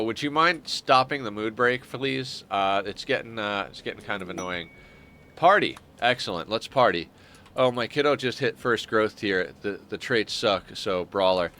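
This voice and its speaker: A young man with a stuffed-up nose streams a game, his lowish voice bright, forceful, and smooth. His casual commentary rambles, corrects itself, and stays wry throughout.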